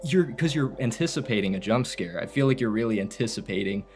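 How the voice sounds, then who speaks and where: A man's voice: lowish voice, lively intonation, fast talker, darkish tone. A man talking casually about films, rambling and swearing as he goes. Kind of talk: casual film discussion.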